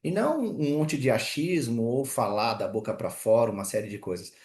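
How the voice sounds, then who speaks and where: A man's voice: mid-range voice, animated, moderate pace, a little mellow. A man hosting an online lecture over a video call, speaking in an encouraging way with many fillers. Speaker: host of technical webinar. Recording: echoey room.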